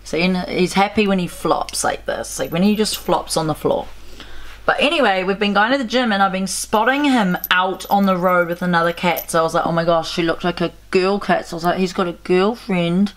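A woman with a slightly low voice chats casually at home. She rambles with lots of "like" and slips into cooing baby-talk for her cats. The sound is close and handheld, as from a camera or phone. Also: fairly quick. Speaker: vlogger. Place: home, indoors.

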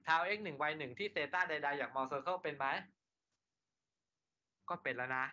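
A man's voice: on the high side, unhurried, sharp tone. A man lecturing an engineering class. He asks his students rhetorical questions and then answers them himself. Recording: lo-fi lecture recording.

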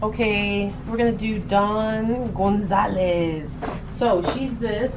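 A woman's voice: mid-range voice, steady tone, slow, noisy background. A woman co-hosting a thrift video, chatting casually and joking while packing orders. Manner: joking, laughing, swears casually. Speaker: co-host of a thrift channel.

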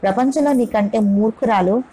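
A woman voicing a lively, frank young woman in a storybook reading, brisk and teasing. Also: on the high side, breathy edge, voice pushed up, poor audio. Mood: scolding.

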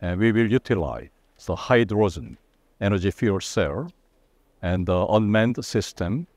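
Korean-accented man, low voice, measured. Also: animated, darkish tone, dry recording. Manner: measured, formal, with frequent pauses and "uh" fillers. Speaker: defense company executive. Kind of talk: interview answers.

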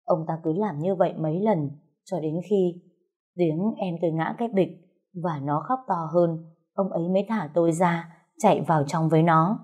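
A woman narrating a first-person story in a calm, somber, steady way. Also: lowish voice, normal speed, breathy edge.

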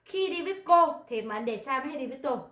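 High-voiced teacher. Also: female voice, expressive, a bit bright. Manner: patient, repeats words slowly to model them. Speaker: Korean language teacher. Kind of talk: explaining pronunciation in an online class. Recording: roomy echo.

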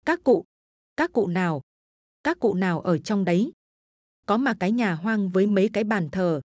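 A woman's voice: mid-range voice, lively intonation, moderate pace, darkish tone, no room sound, close to an everyday voice. A crude, greedy village man sneers and mocks his old mother, as a woman storyteller puts him on. The voice is dry and close to the mic. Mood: sneering. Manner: sneering, mocking.

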